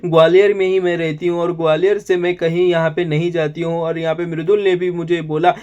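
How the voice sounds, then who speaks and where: A woman's voice: on the low side, level tone, brisk, dark tone, muffled recording, natural voice. A man voicing an earnest young woman who talks in a childlike, pleading way.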